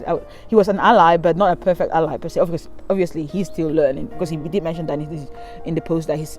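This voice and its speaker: A young Cameroonian woman vlogs outdoors beside a river, holding the camera at arm's length as she rambles through a candid storytime for her channel. Her voice is low and a little mellow, full of ums and restarts.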